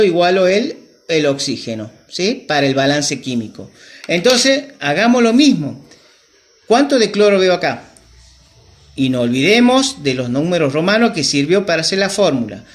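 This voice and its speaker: High-voiced male teacher, lively swings in pitch, patient and explanatory. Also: normal speed. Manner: patient, checks with students, repeats key terms. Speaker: chemistry teacher. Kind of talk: classroom lesson at a whiteboard.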